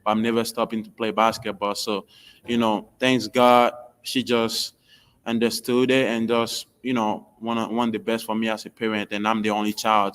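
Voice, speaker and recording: Young man with a smooth Beninese accent. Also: fairly low pitch, bright, forceful tone. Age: young adult. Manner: informal, non-native English phrasing. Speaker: basketball recruit being interviewed. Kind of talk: casual personal storytelling in an interview.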